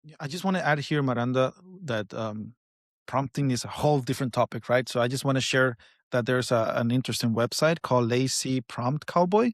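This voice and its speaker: A man's voice: mid-range voice, a little fast, no echo. Man, latin american spanish accent, podcast host, hesitant, repeats words, dry sound. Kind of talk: casual interview talk.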